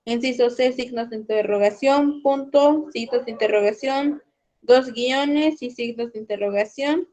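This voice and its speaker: Woman student, fairly high voice, careful halting reader. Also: darkish tone. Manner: careful, halting reading aloud. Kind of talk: reading aloud in class.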